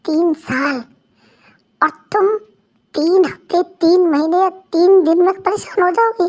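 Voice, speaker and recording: Girl doing a cold controlling young husband, taunting, very high voice for a guy, fan dub. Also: unhurried. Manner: taunting, scornful. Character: cold possessive young man holding his wife captive. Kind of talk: amateur fan dub acting.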